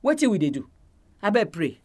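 Nigerian male prayer leader, high-pitched voice, speaking Pidgin to guide a group. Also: big pitch swings, fairly quick, a little mellow, breathy edge.

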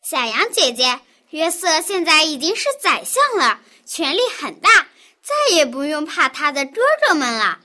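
A woman's voice: sits high, sing-song, normal speed, bright, forceful tone, voice pushed up, heavily acted. A woman voicing a curious little boy who eagerly asks questions in a children's story.

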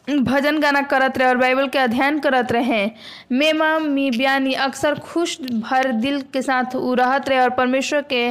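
Preacher: woman, high voice, Bhojpuri accent, steady measured Bible sermon.

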